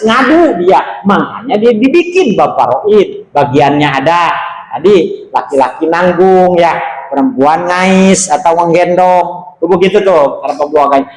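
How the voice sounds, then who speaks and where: A man giving an animated, religious study sermon. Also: high-pitched, measured pace. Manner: animated, colloquial, rises sharply for emphasis. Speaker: religious teacher. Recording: echoey room with faint background noise.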